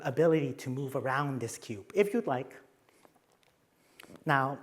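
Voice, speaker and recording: A young adult man from Mexico with a Mexican accent gives a conference talk with slides. His voice is mid-range, and he adds playful, self-deprecating asides.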